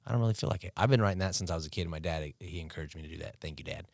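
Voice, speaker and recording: This deep-voiced American podcast co-host talks rapid-fire, casual and relaxed, with plenty of swearing. The sound is clean studio audio with no echo.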